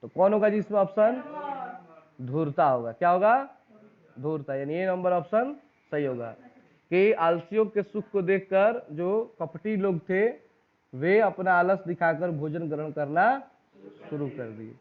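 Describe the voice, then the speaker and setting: A man with a high voice and a Bihari Hindi accent teaches a classroom of students. He reads out exam questions and their options, quizzes the class and repeats the answers back. The sound is thin and tinny, like a phone recording. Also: animated, a little slow. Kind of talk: exam-prep lesson, reading out quiz questions and options.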